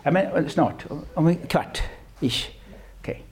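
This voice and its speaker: A man with a Swedish accent preaching a sermon, repeating himself and swinging between loud calls and quiet asides. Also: fairly high pitch, lively intonation.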